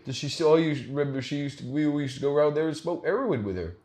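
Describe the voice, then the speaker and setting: A man playing a crude, deadpan country farmer who rambles. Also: a little high, fast talker, reverberant, close to an everyday voice.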